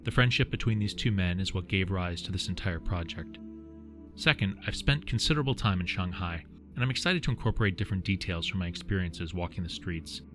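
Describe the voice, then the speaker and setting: A man narrating his own story in a steady, measured reading. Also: sits low, music in the background, poor audio. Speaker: author and narrator.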